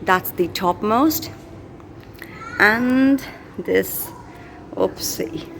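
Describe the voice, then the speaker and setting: Woman, casual hotel vlogger, unhurried pace, halting chatty delivery, mid-range pitch, faint background noise. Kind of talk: casual handheld vlog narration. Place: small hotel room, later the hotel lobby, corridors and elevator. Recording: noisy handheld recording with background ambience.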